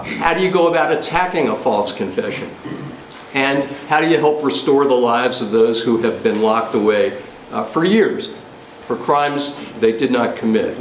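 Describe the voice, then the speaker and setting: A man giving opening remarks at a law school symposium as its organizer, earnest and pausing often with fillers. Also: medium pitch, slight background noise. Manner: earnest, frequent filler pauses. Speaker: conference organizer. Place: law school lecture hall. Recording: roomy hall with faint ambience.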